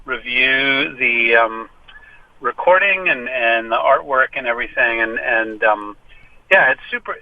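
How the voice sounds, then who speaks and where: Brief: male musician guest on a muffled phone line from his car, rambling, self-deprecating. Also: medium pitch. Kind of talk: casual phone interview.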